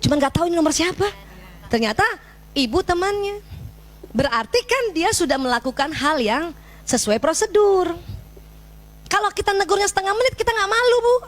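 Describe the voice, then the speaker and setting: A middle-aged woman, giving a parenting talk to an audience of mothers in a lively, animated way, acting out dialogue. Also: moderate pace, pauses often. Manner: lively, animated, acts out dialogue with sudden pitch jumps. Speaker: parenting speaker.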